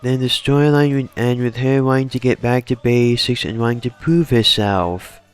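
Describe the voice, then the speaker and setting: A man casually pitching fan story ideas in long, rambling run-on sentences. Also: steady tone, moderate pace, clean tone, faint music behind.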